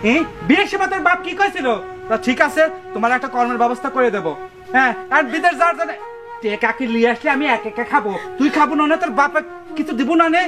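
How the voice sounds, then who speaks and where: A man's voice: very high-pitched, lively intonation, fast, over music. A man playing a greedy, bullying husband who taunts his wife and demands money. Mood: taunting.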